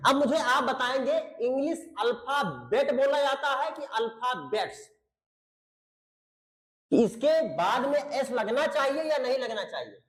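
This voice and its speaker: A man's voice: very high voice, fairly bright tone, roomy sound. A man teaching English grammar in an online video lecture. He explains patiently, repeats his points, checks that students follow, and calls them beta and babu.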